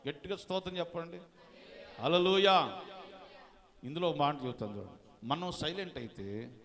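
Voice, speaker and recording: A man preaching a sermon as a pastor, calling on the congregation to answer and mixing in English words. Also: fairly high pitch. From India. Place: church hall. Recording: long hall reverb.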